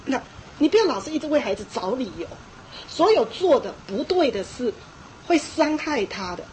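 High-voiced emphatic woman preacher. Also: big pitch swings, moderate pace, darkish tone, slight background noise, low-quality recording. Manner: emphatic, repetitive, acts out scolding scenes. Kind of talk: sermon on parenting.

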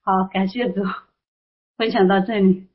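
A woman's voice: fairly even intonation, normal speed. Woman giving an emotional testimony over muffled voice chat. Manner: emotional, rising high when recounting her prayer. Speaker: testimony speaker. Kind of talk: personal testimony in an online prayer room.

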